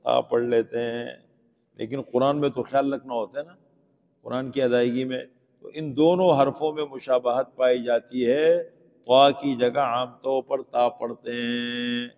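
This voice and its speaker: A man's voice: mid-range voice, fairly even intonation, darkish tone. A man teaching Quran pronunciation in a class, patiently asking his students questions and sounding out the letters. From Pakistan. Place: mosque teaching hall. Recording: long hall reverb.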